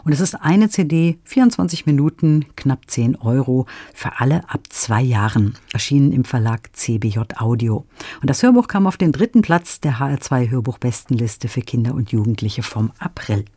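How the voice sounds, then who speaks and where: A man hosting a radio segment, giving brisk, informative details and asking questions. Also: medium pitch, animated, warm tone, dry recording, clean studio sound. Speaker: radio host. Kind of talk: radio interview.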